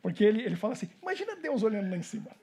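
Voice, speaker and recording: A man's voice: high voice, very animated, very fast, darkish tone, breathy edge. A male pastor with a Brazilian Portuguese accent, preaching a sermon and acting out the characters' lines as he tells the story.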